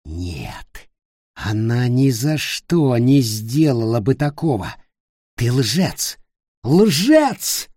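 A man voicing a cruel, arrogant tall boy lord in an audiobook, shouting and hissing in fury. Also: mid-range voice, lively intonation, slow, dry recording, clean studio sound. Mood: raging. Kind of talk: audiobook character voice.

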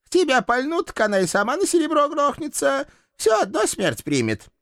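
A shrill, crackly old landlady who scolds in rustic, threatening turns, put on by a man reading a storybook. Her voice sits high and leaps all over, with a gravelly fry. The sound is close and dry. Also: huge pitch swings, a little fast, fairly bright tone, no echo, heavily acted. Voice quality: shrill, creaky old-woman voice. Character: cantankerous old village landlady with a shotgun.

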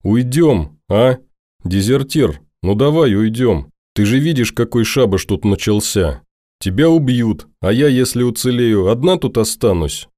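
A man's voice: mid-range voice, expressive, a little slow, mellow, dry recording, studio quality, lightly acted. A man voicing a fiery, pleading young woman. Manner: insistent, scolding, pleading.

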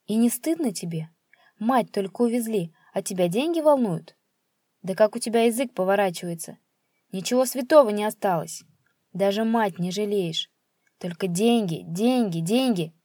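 A woman's voice: measured pace, mellow, breathy edge, dry recording, clean studio sound. A woman voicing a spiteful old male pensioner who screeches and jeers at his son. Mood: jeering. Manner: shrill, screeching, jeering.

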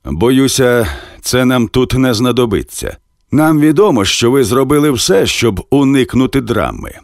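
A man's voice: medium pitch, big pitch swings, no room sound, clean studio sound. A man playing a stern elder judge. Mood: measured. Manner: measured, authoritative. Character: older uncle presiding as judge, calm and firm.

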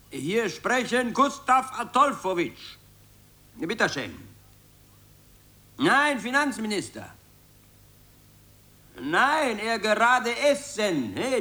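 A man's voice: sits high, pushed and bright, full character voice. A man faking a minister's clumsy broken accent. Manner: broken, ungrammatical phone German. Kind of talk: 1990s radio play satire.

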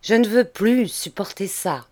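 A woman voicing a frightened older male butler with a hoarse, halting way of speaking, in a storybook reading. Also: medium pitch, lively intonation, dark tone. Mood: fearful.

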